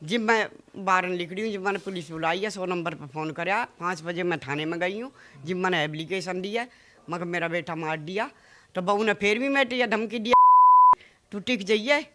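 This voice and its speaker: A woman's voice: fairly low pitch, bright, forceful tone. A woman with a Haryanvi accent, the mother of the man interviewed, pleadingly retelling a family fight in a local news interview. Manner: fast, pleading retelling with many quoted exchanges. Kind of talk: emotional interview account.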